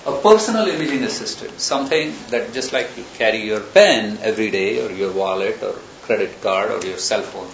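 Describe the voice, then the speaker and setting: Speaking briskly with hardly any pauses, a man with a fairly low, creaky voice gives a university lecture, thinking aloud from one example to the next. The room sounds echoey and slightly muffled, with a faint hiss.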